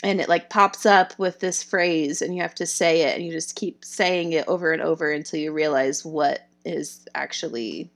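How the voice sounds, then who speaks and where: A woman co-hosting a casual chat, speaking in a slow, easygoing way. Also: sits low. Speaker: co-host.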